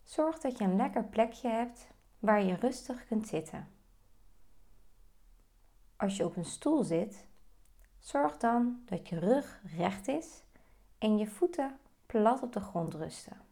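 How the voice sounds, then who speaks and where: A woman guiding a meditation, giving slow, calm, soft-spoken instructions. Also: fairly high pitch, vocal fry. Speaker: meditation guide. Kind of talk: guided meditation.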